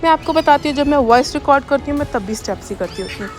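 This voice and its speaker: A young woman chatting fast in a family vlog voice-over, talking straight to her viewers. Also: high voice, lively intonation. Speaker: family vlogger. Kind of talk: casual voice-over narration of daily life. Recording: voice-over with faint background music.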